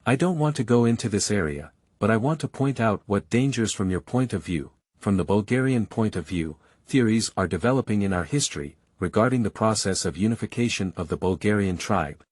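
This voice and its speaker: A man with a low, husky voice delivers a historical parliamentary speech in a declamatory voice-over. His tone is oratorical and insistent, recorded dry and close with no room around it. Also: lively intonation, a little fast, hardly any pauses, a little mellow, no room sound.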